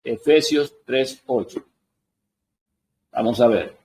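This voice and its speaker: A man's voice: medium pitch, takes it slowly, a little mellow, rough recording. Man teaching a Bible study lesson. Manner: reads scripture aloud, then asks and answers his own questions; adjusts on-screen text while talking. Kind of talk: Bible study lesson reading and explaining verses.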